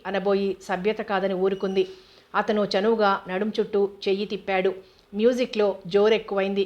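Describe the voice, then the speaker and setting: A woman narrating a novel aloud at a steady, measured pace. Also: mid-range voice. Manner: steady, even reading. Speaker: audiobook narrator. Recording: dull lo-fi recording.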